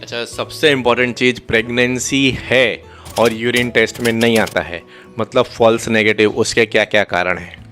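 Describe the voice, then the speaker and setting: A man's voice: mid-range voice, fairly even intonation, moderate pace, fairly bright tone, faint music behind. Man gynecologist asking technical questions. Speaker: gynecologist co-host. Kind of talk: medical explainer conversation.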